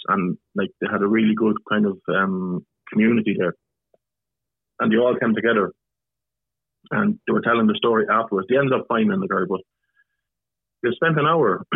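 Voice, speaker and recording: A man's voice: on the low side, gravelly, slightly rough, no room sound. A man with an Irish accent, a podcast guest talking bluntly in casual conversation, swearing now and then. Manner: blunt, swears, repeats words. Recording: tinny phone-line sound.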